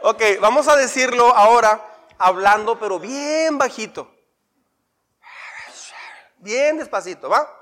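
A man's voice: very high voice, lively intonation, slow pace, pauses often, sharp tone. A man with a Mexican accent, a pastor leading a playful, interactive Bible workshop and chanting lists together with his congregation. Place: church hall with a live congregation. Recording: reverberant hall, faint crowd.

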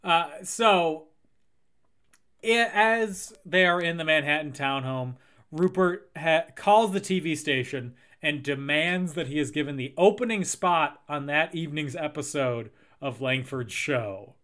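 A man's voice: fairly high pitch, a little slow. A man co-hosting a casual podcast, recounting a film's plot and acting out lines from it. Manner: recounts plot, acts out quotes with lively jumps. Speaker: podcast co-host. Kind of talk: casual film recap chat.

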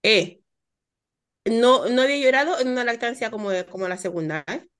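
A woman's voice: fairly high pitch, normal speed. Chatty woman. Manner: animated storytelling with many repetitions and asides. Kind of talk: casual chat about motherhood.

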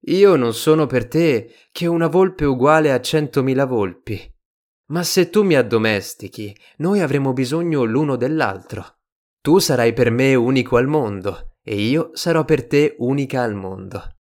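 A man voicing a patient, slightly melancholy fox in an audiobook reading, calm and reflective. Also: mid-range voice, moderate pace, voice pushed up, lightly acted. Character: wise, gentle fox, patient and a little melancholy.

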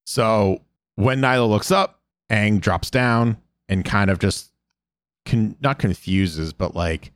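Low-voiced man recapping episodes. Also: no room sound, studio quality. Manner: retells scenes with quick voiced quotes and fillers. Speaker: podcast co-host recapping episodes. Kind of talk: casual chat, reading episode recap.

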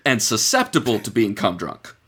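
A man's voice: on the low side, wildly swooping pitch, moderate pace, a bit bright, slight background noise. A man co-hosting a comedy podcast with casual, joking banter. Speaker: podcast co-host.

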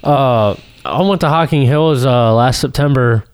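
A man's voice: medium pitch, measured pace, clean tone, no room sound. A young man co-hosting a podcast, telling casual stories in a slangy, sweary frat-bro manner. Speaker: podcast co-host. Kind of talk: casual banter and storytelling.

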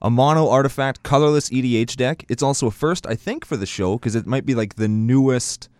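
A man's voice: mid-range voice, a little fast, a little mellow, no room sound. A man hosting a podcast in casual chat from a small broom closet, upbeat, jokey and teasing. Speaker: podcast host. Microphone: good studio mic.

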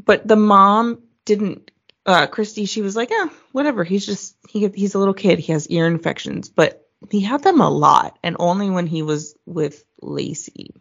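A young woman co-hosting a podcast, telling a true crime story in casual chat, swearing freely and acting out quotes in a higher voice. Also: normal speed, vocal fry, husky, highs cut off.

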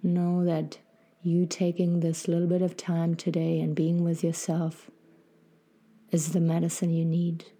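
A woman hosts a guided meditation in a mellow, slightly low voice. She speaks very slowly and softly, with a gentle, soothing manner and little rise or fall. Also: completely flat delivery, breathy edge. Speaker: podcast host and meditation guide.

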